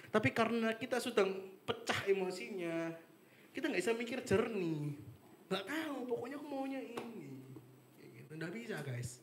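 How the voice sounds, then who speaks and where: A young man giving a casual devotional talk, chatty and animated, with lots of fillers. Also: very high-pitched, normal speed, slight background noise. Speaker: devotional speaker. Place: apartment meeting room with live and online audience.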